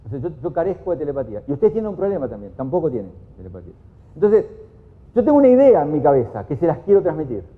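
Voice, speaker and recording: Animated Argentine man in a big echoey hall. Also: fairly high pitch, rapid-fire. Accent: Argentine Spanish. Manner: animated, jumps to shouts when quoting people. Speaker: conference speaker. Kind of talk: lively lecture with acted quotes. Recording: echoey hall on a thin, phone-like sound.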